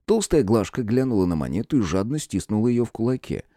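A man reading an audiobook, narrating with expressive delivery. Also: on the low side, fast talker, no room sound, studio quality. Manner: expressive storyteller. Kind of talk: scripted narration.

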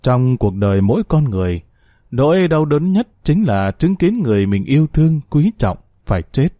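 A man's voice: mid-range voice, big pitch swings, normal speed, dark tone, dry recording, studio quality. A man narrating a ghost story in a scripted reading, giving the characters small acted shifts.

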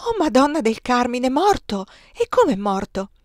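A woman's voice: mid-range voice, lively intonation, normal speed, a little mellow, no echo, studio quality, natural voice. A woman reading aloud, voicing two nun sisters asking urgent questions. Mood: agitated.

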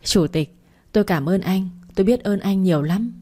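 A woman's voice: mid-range voice, normal speed, dark tone, natural voice. A woman reading the lines of a humble, grateful male construction worker in a storybook, in an earnest way.

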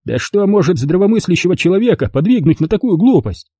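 A man's voice: high-pitched, big pitch swings, fairly quick, dark tone, slightly rough, no room sound, clean studio sound, voice pushed up, exaggerated voice. A man voicing a tactless, brash man who mocks those around him with smug jokes. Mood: mocking. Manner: smug, mocking.

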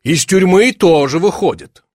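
A man's voice: fairly high pitch, animated, dry recording, studio quality. Style: audiobook. Figure: a man doing a sly mock-sympathetic police chief. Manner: measured, drawn-out teasing pauses.

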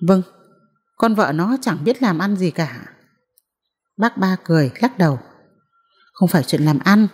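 A woman's voice: lowish voice, lively intonation, measured pace, darkish tone, husky, big-room sound. Woman reading a mournful novel aloud. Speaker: audiobook reader. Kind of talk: first-person novel narration.

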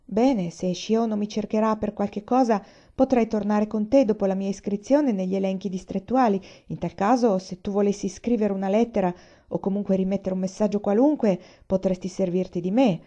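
A woman's voice: mid-range voice, moderate pace, few pauses, dark tone, natural voice. A woman voicing a kindly easygoing friend. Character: young man, kind, easygoing loyal friend. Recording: dull lo-fi sound.

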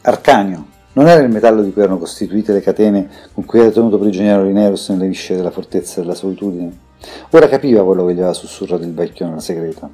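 A man reading a dark fantasy audiobook in a steady, measured narrating voice, with faint music underneath. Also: low-pitched, breathy edge. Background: faint background music.

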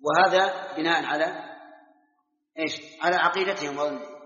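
A fairly high-voiced man teaches a class, firing questions at students and scolding them when they forget. The sound is dull and lo-fi, with a long, roomy echo of a large hall. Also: moderate pace, pushed and bright. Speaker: Islamic scholar teaching Quran commentary. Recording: echoey hall, dull lo-fi lecture tape.

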